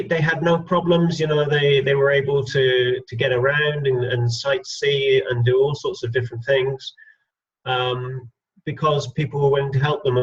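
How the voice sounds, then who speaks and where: Husky male voice, thoughtful with pauses, dull lo-fi audio. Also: medium pitch. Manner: thoughtful, many ums and pauses. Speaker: guest house sitter. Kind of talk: casual panel chat.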